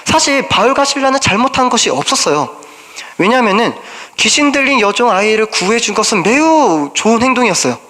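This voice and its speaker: Young Korean male junior pastor, sermon delivery, high ringing voice, questioning and prayer-voicing. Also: bright, forceful tone. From South Korea. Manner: asks the congregation questions, voices prayers in first person.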